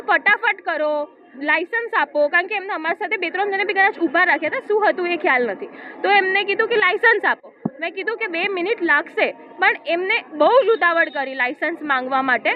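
A woman giving a steady first-person account of an incident, quoting what was said to her. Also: very high-pitched. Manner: steady retelling, quotes dialogue. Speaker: complainant giving a statement. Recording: tinny phone-like audio with faint noise.

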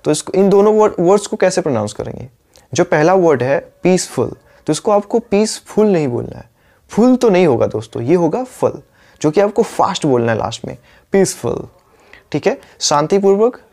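A man with an Indian English accent and a slightly high voice gives a YouTube pronunciation lesson. He is patient and repeats each word slowly. He keeps asking the viewer whether they are following along. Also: sing-song, creaky, darkish tone. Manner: checks in often with rhetorical questions. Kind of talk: YouTube lesson, explaining in Hindi.

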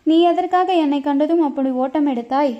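A woman reading as a sharp-tongued young boatwoman. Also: sits high, lightly acted. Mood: tart. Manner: mocking, quick-witted retorts. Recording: dull lo-fi recording.

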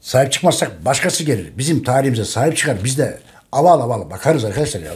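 A man speaking to his viewers in a fervent, repetitive monologue. His voice sits at an ordinary middle pitch, and he hammers each point home by saying it twice, pleading with his listeners. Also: very animated, fast talker, darkish tone. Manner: emphatic, repeats phrases, calls listeners friends; urgent, pleading with viewers to share. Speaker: channel host presenting his history book.

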